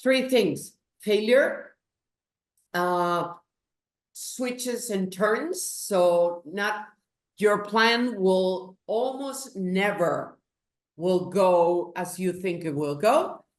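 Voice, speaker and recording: Slow-speaking Peruvian-born woman, echoey room. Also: mid-range voice. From Peru. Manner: slow, thoughtful, emphatic. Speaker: guest, business executive. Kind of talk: interview.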